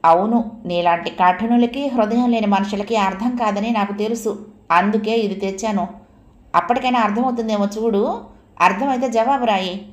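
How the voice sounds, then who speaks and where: A woman's voice: medium pitch, normal speed, lightly acted. Audiobook: woman doing a crying, pleading young woman, roomy sound. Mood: bitter. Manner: pleading, accusing, bitter. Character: tearful young woman pleading with her lover. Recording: roomy echo.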